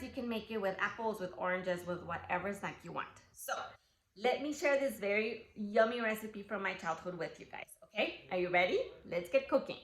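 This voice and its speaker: A young Guatemalan woman hosts a kid-friendly cooking class, cheerful and upbeat, talking straight to viewers from a roomy kitchen with faint ambience. Her voice sits on the high side and sounds a bit bright.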